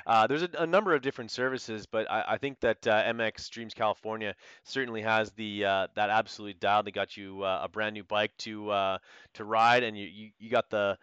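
A man's voice: lowish voice, fairly bright tone, clear, resonant tone, no echo, muffled recording. A man hosting an interview, friendly and joking, with many hesitant fillers. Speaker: interviewer, host. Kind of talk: casual interview.

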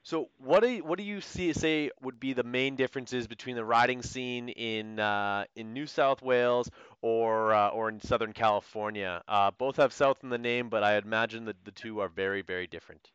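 A man hosting a casual interview in a smooth, resonant voice, friendly and joking with lots of hesitant fillers. The sound is dry and a little dull. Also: mid-range voice, normal speed, a bit bright, no echo. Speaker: interviewer, host.

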